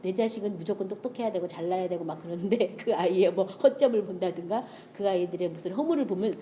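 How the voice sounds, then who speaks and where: Brief: middle-aged woman, church testimony talk, warm mellow tone, lively storyteller, faint room noise. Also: on the low side, quick pace. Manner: animated storytelling, acting out family dialogue, frequent laughter. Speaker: church speaker sharing testimony. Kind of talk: testimony-style sermon talk.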